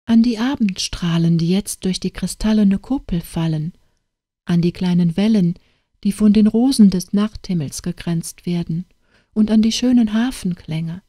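A woman voicing a dreamy, pleading young woman in an audiobook tale, speaking softly and imploringly. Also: mid-range voice, normal speed, no echo, studio quality, close to an everyday voice. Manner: soft, imploring.

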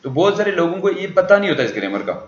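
A man's voice: high-pitched, big pitch swings, fast talker. A man teaching a language class, explaining words and repeatedly quizzing his students with questions. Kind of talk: classroom lecture. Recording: dull roomy classroom recording.

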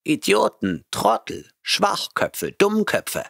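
A man voicing a crazed three-legged parrot-cat creature in a high, squawking, jittery voice for an audiobook. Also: huge pitch swings, slow pace, vocal fry, fairly bright tone, dry recording, clean studio sound, exaggerated voice. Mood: fond.

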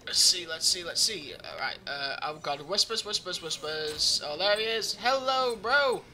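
A young man provides live gameplay commentary in a high-sitting, bright, forceful voice that sounds slightly groggy. Unhurried, with lively intonation, he chats, jokes and talks to himself while he plays.

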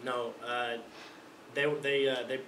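A man's voice: medium pitch, little pitch movement, takes it slowly. A young man, a college quarterback, answering press questions after a game, often restarting and repeating words, speaking into a table mic in a press room. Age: young adult. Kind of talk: postgame press conference answers. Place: press conference room, indoors. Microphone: table mic in front of him. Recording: echoey room, distant mic, background noise.

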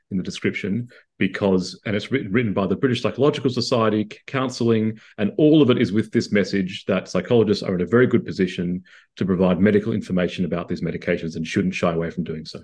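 A deep, slightly rough, darkish voice belongs to an Australian man in his thirties, a psychiatrist fielding interview questions on a video call indoors at home. He talks fast, explaining clearly but with many restarts.

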